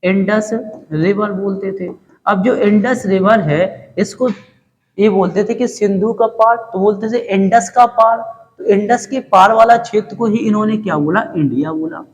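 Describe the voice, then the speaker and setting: High-voiced male teacher in a reverberant room. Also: unhurried. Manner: asks questions and answers them himself, repeating key words; folksy, jokey asides. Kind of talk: classroom lecture. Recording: long hall reverb.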